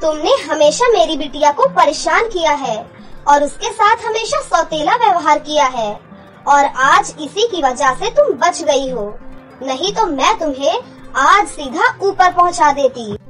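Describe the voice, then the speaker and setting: A woman voicing the gentle, protective spirit of a dead mother in a cartoon story. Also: sits high, expressive, a little slow, faint music behind, rough recording. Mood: stern. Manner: tender, soothing.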